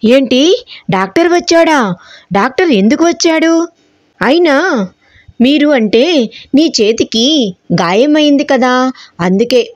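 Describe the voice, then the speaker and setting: A woman's voice: sits high, lively intonation, a little slow, pauses often, dry recording. A woman voicing a young orphaned wife who answers back sarcastically and indignantly, hurt underneath, in a read-aloud story.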